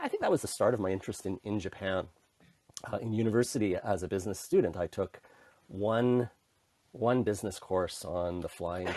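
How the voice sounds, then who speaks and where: Talking on a podcast as a guest, a middle-aged intercultural communication consultant with a Canadian English accent relaxes into telling his story, often backing up to restart. His voice sits low and is a little mellow, with no room sound in the recording, and the exchange is a casual interview.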